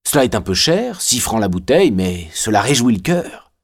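A man's voice: on the low side, very animated, moderate pace. A man voicing an obsequious jailer in an audiobook, with an ingratiating manner. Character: obsequious male jailer selling wine.

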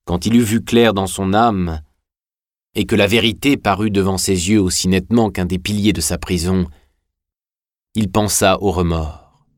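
A man narrating an audiobook in a measured, even reading voice. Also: deep voice, no room sound, clean studio sound. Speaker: audiobook reader. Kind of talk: scripted narration.

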